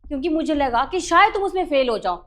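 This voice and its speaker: A woman's voice: sits high, lively intonation, fast talker, a bit bright. An actor playing a wife caught hiding her lover, defensive and dismissive, in melodramatic short-film style. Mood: defiant.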